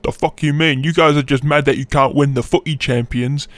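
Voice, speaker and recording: A bickering British bloke with a mock British accent, as a man puts him on, pitched a little higher and pushed louder than a normal voice. He rattles off huffy retorts at speed. The sound is dry and close. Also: steady tone, no room sound, lightly acted. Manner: quick, huffy rambling retorts.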